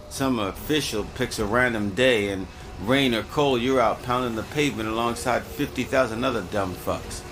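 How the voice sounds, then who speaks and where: An actor playing a world-weary prison inmate who narrates in a blunt, sardonic, profane way. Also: male voice, medium pitch, natural voice. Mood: boastful. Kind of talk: scripted TV drama monologue. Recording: audible background noise.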